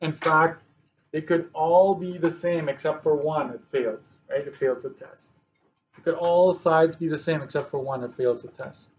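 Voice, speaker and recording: A male math teacher working through problems in a class lesson, thinking aloud slowly, with dry sarcastic asides. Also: a little high, steady tone, dull audio.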